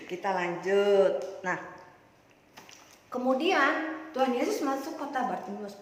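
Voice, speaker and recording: A woman teaches Sunday school, telling a story to children in a playful way. Her high voice leaps and dips. It rings around a church hall with a long, roomy echo. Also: fairly bright tone. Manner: playful, asks children questions.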